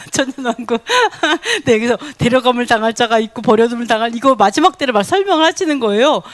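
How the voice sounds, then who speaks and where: A woman teaching a Bible sermon in an animated way, asking her listeners many questions, laughing often and acting out quoted voices. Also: on the high side, a little fast, no echo.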